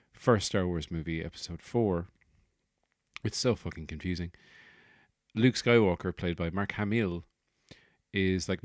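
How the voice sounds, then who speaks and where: A man's voice: deep voice, dry recording, clean studio sound. A man hosting a solo comedy podcast, rambling through jokey, profane tangents. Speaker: podcast host.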